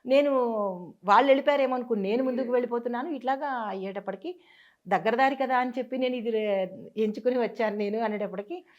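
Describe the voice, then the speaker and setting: A woman guest telling a personal story in a conversation, earnest and halting, restarting and repeating herself. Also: a little high. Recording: dull lo-fi sound.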